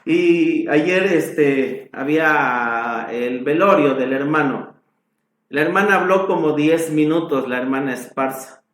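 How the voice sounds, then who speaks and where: A man preaching a sermon as a pastor, slow and emphatic, his voice rising on exclamations. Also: fairly high pitch, fairly bright tone, echoey room, a little hiss or hum. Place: church hall.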